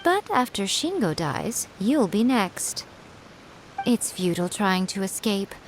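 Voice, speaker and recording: A woman's voice: mid-range voice, very animated, slow pace, slight background noise, rough recording. A woman voicing a sly, teasing fox-spirit shrine priestess in a video game, with a playful, mocking manner. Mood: pressing coolly. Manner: playful, mocking, coolly menacing when pressing someone. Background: game music.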